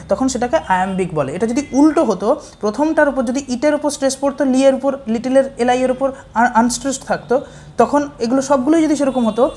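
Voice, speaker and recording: A woman's voice: high voice, darkish tone. A woman teacher patiently explaining poetic meter step by step, checking often that students follow. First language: Bengali.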